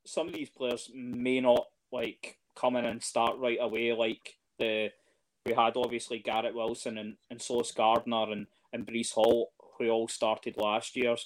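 A man's voice: medium pitch, flat delivery, a little slow. A man in casual chat as a guest, hesitant and full of fillers and restarts. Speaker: podcast guest, fan.

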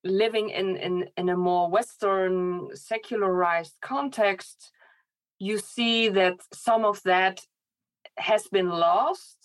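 A woman's voice: medium pitch, takes it slowly. A middle-aged woman from Poland, speaking as a scholar guest in an interview, thoughtful with light laughs. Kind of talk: podcast interview.

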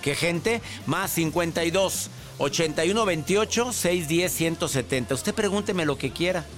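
A man hosting a call-in advice radio show, lively and chatty with joking asides. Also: on the high side, moderate pace, faint music behind. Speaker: radio show host, psychologist.

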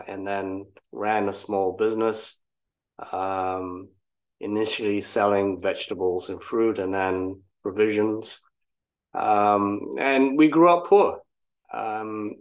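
An older man from Malaysia, speaking in a lowish voice, appears as a guest entrepreneur in a casual interview. He tells his story in a reflective, self-deprecating way.

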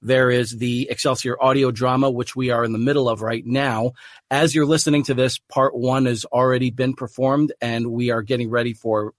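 In a clean, echo-free studio recording, a podcast host with a medium-pitched, steady voice speaks at normal speed. His casual chat is earnest and a bit rambling, with restarts and easy laughter.

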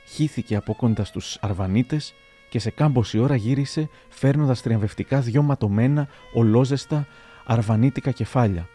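A man narrating historical anecdotes aloud in a measured, storytelling manner. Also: mid-range voice, mellow, slightly rough, faint music behind.

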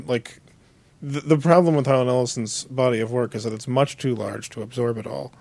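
A man's voice: mid-range voice, fairly even intonation, fairly quick, gravelly, a little mellow, dry recording. A man co-hosting a casual podcast discussion, talking in an enthusiastic, loose and rambling way. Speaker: podcast co-host.

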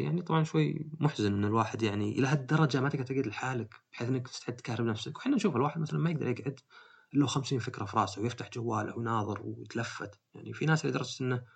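A man's voice: medium pitch, gravelly, slightly rough. A man, talking casually as a podcast host and rambling through his thoughts with many fillers. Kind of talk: casual monologue.

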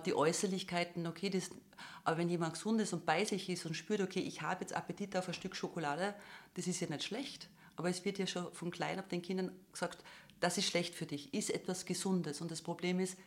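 Earnest low-voiced woman. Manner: earnest, emphatic, reasons through examples. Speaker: psychotherapist or psychiatrist guest. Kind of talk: explanatory interview talk.

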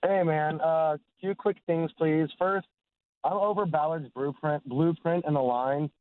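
A man calling a radio show on his phone's speaker from his car on the highway, easygoing and chatty. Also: steady tone, a little slow. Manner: easygoing, calls the host man and dude. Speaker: caller. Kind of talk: casual call-in chat. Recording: tinny speakerphone phone line.

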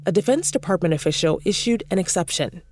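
A woman reporter giving measured, scripted news narration and asking interview questions. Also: lowish voice, lively intonation, a little mellow, no room sound.

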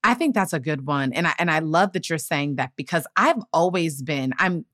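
A woman in her thirties hosts a conversational interview. Her voice moves lively across its range as she affirms her guest and tells her own story with eager emphasis. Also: deep voice, moderate pace. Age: 30s. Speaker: interview host.

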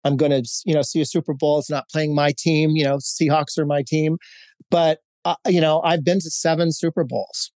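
With little pitch movement and a normal speed, a man in his fifties raised in Hawaii gives frank, story-filled answers as an interview guest, full of fillers and restarts. The corporate executive's fairly high voice is a little mellow, recorded dry.

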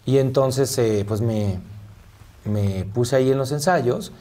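A man, an interview guest, telling a personal story in a soft, halting way with many pauses and fillers. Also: mid-range voice.

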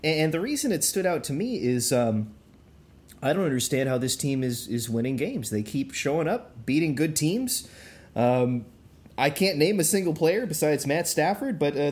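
A man hosting a podcast with casual talk-show patter and a halting delivery. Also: a little high, lively intonation, darkish tone. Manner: halting, addresses listeners as folks. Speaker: podcast host.

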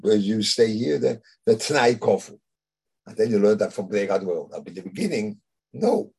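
Guy teaching torah casually, very husky voice, stops and restarts a lot. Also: lowish voice, darkish tone. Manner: halting, searches for words, many restarts. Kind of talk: informal Torah talk.

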